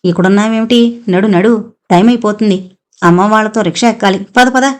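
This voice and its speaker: A woman's voice: mid-range voice, brisk, lightly acted. Practical middle-aged father, matter-of-fact, hurrying people along, read by a woman.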